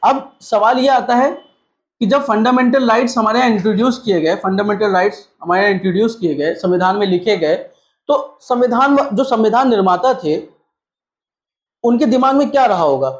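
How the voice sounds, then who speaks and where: A man's voice: high-pitched, normal speed. A man teaching a lesson, asking questions and answering them himself, mixing English terms into his talk. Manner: mixes English terms into Hindi. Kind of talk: classroom-style lecture. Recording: echoey room, slightly dull sound.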